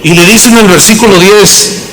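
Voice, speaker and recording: A man's voice: sits high, moderate pace, low-quality recording. A man preaching a sermon with a Mexican Spanish accent, acting out the dialogue in the stories he tells. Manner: animated storytelling, acting out dialogue. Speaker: pastor.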